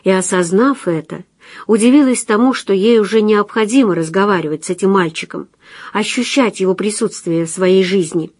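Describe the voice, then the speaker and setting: An audiobook narrator with a medium-pitched voice reads a romantic story from a script. Her delivery is calm and measured, recorded in studio quality with no room sound.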